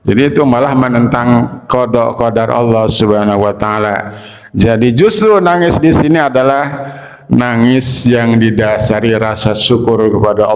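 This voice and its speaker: A male preacher giving a sermon in a mosque, drawn-out and questioning his listeners with frequent tag questions and playful asides. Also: mid-range voice.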